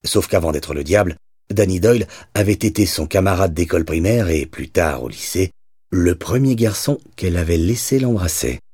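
A man narrating a crime novel as an audiobook reader, in a measured storytelling way. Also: sits low, expressive, warm tone, slightly rough, dry recording, studio quality. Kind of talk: scripted narration.

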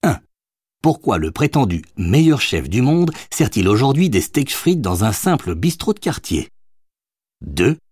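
A man's voice: mid-range voice, sing-song, measured pace, darkish tone, slightly rough, no room sound, clean studio sound. A man voicing a tipsy, teasing young Parisian woman in an audiobook, speaking in a playful, mock-formal way. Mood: cheeky.

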